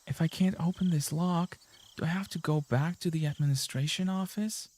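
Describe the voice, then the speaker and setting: A man's voice: on the high side, normal speed, darkish tone, close to an everyday voice. Shion, a panicking teen girl, read by a man. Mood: panicked. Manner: tense, frantic inner monologue read aloud. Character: panicking teenage girl sneaking through a school. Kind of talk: reading a visual novel aloud.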